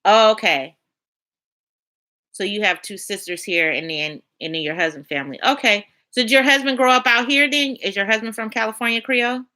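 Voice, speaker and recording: Woman streamer, relaxed and colloquial, reads chat aloud, bright tone. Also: on the high side, brisk. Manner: chatty, colloquial, talks to viewers by name. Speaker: livestream host reading chat. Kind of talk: casual live-stream chat.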